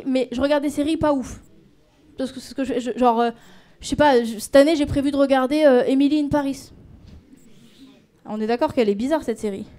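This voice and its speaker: Woman comic on a club stage, high but mellow voice, rambly and unsure. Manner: rambling, hesitant, self-mocking. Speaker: stand-up comedian. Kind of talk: stand-up monologue.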